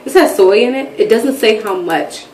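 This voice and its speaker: A woman in her thirties chatting in a rambling, animated way for her video diary. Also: mid-range voice, moderate pace, far from the mic. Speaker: vlogger. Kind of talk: casual chat. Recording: echoey room, voice from off mic, faint background noise.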